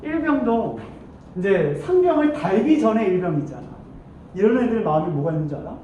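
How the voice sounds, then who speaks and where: Male teacher, high voice, playful storyteller who acts out voices; distant mic in a reverberant classroom with faint background noise. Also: big pitch swings, a little fast, warm tone, muffled recording. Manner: playful, acts out quoted voices, laughs often.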